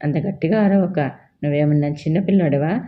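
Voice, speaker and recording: A man's voice: a little high, a little hiss or hum, natural voice. A woman doing a cool, teasing older man. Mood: calm teasing. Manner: cool and unhurried, mildly mocking. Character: older man back from the dead, calm, teasing. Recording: dull lo-fi recording.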